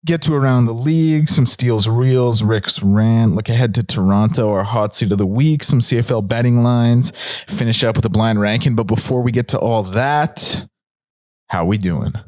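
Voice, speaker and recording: A man's voice: mid-range voice, normal speed, darkish tone, no echo, clean studio sound. A man hosting a casual sports podcast, chatty and loose, poking fun at himself as he runs through the show. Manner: chatty, loose, self-joking. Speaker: podcast host.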